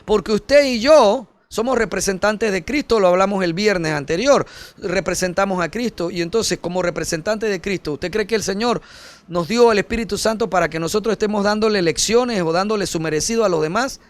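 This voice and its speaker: High-voiced male pastor preaching earnestly. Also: a little fast. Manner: earnest preaching, rising to emphatic peaks then dropping soft; addresses listeners directly as brother. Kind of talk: sermon.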